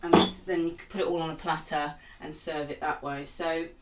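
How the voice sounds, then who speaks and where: A woman's voice: sits low, level tone, a little fast, distant mic. Chatty woman in an echoey kitchen. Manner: chatty and rambling, self-mocking asides. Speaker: home cook and channel host. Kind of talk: casual cooking demonstration. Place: small home kitchen.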